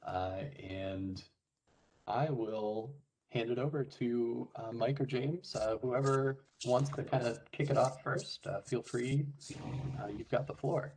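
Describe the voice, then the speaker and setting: A man's voice: mid-range voice, slow pace, a little mellow, slight background noise, rough recording. Man opening a video-call meeting. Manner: hesitant, many fillers. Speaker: meeting moderator.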